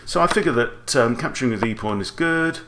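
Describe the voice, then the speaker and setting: A man's voice: medium pitch, expressive, brisk, bright, forceful tone, a little hiss or hum. A man in his forties giving explanatory chess commentary as an instructor, talking through options with rhetorical questions.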